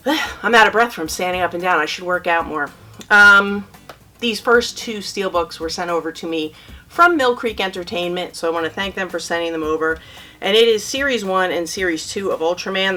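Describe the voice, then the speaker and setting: A woman's voice: medium pitch, a bit bright. A woman chatting casually to camera as she shows her monthly movie haul, rambling a little and correcting herself as she goes. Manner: chatty and rambling, with frequent ums and self-corrections. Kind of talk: casual unboxing chat to camera.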